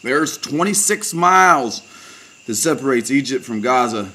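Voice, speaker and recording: A man's voice: mid-range voice, animated, measured pace, sharp tone, husky. Mock-formal man hosting a puppet news spoof. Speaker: puppet show host.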